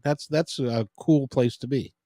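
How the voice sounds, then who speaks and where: A man's voice: medium pitch, fairly even intonation, unhurried, dark tone, no echo, studio quality. A man hosting a casual interview, earnest, often repeating words as he starts a thought. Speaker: interview host.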